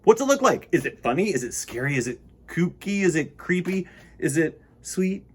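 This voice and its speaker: This man, hosting storytime for kids, has a high voice with a breathy edge and big swings in pitch, and he speaks at a moderate pace. He moves between picture-book reading and playful, whimsical, rambling chat with his young audience.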